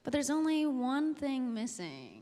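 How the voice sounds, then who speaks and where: A woman presenting an award on stage, bubbly and lively as she reads the winner. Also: high-pitched, unhurried. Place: large event hall stage. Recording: reverberant hall with music.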